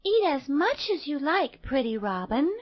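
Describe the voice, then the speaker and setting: A kindly, innocent little girl from a storybook, acted out by a woman. The voice sits high and swoops widely in sing-song, drawn-out phrases, recorded dry. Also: big pitch swings, no room sound, lo-fi sound.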